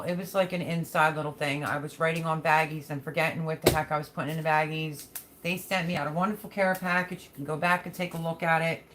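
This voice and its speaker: Lower-pitched chatty woman, noisy livestream. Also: a bit bright. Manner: chatty, folksy, affectionate with viewers. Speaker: livestream host. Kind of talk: casual live chat, reading and answering viewer comments.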